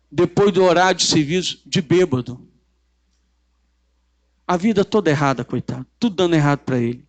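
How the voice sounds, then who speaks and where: A man's voice: sits high, a bit bright. A man with a Brazilian Portuguese accent preaching a church sermon, emphatic and repetitive, drawing call-and-response from the congregation. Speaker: pastor.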